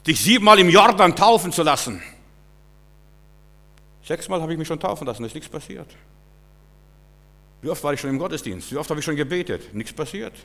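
A man preaching a sermon, swinging between loud exclamations and low, quiet asides. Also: lively intonation, quick pace, pauses often. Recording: long hall reverb.

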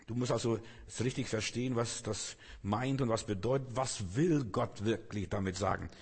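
Husky-voiced man preaching in a hall. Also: on the low side, normal speed. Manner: earnest, repetitive, addresses listeners directly. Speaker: pastor. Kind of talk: sermon. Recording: long hall reverb.

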